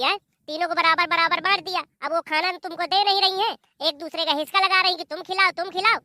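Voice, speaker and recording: A woman's voice: extremely high pitch, pushed and bright, slight background noise. A woman voicing a fiery young married daughter in a village cartoon, scolding in a confrontational tone with a Bundelkhandi Hindi accent.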